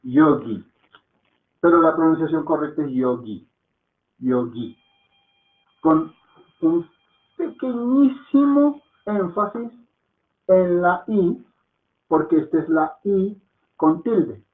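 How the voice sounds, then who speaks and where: A man's voice: high-pitched, expressive, slow, long pauses. A man teaching a language lesson, patiently repeating words to drill their pronunciation and checking in with his students. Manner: checks in with soft "¿mm?" and "¿ok?". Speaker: Hindi teacher. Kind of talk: slow spoken lesson. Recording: echoey, phone-like lo-fi sound.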